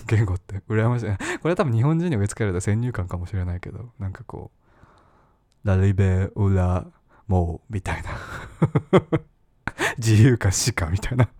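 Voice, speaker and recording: A man's voice: sits low, mellow, no echo. A man hosting a podcast on his own, rambling and self-mocking with lots of fillers. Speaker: podcast host. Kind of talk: casual solo podcast talk.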